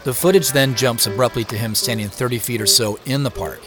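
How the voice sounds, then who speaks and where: With music behind him, an actor narrates a scripted first-person family mystery as a reflective, curious Seattle man in his forties. He talks a little fast, his medium-pitched voice sounding natural.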